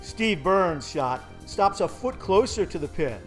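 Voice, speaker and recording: High-pitched male golf commentary narrator. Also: expressive, measured pace. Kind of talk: scripted golf commentary voice-over. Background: faint music.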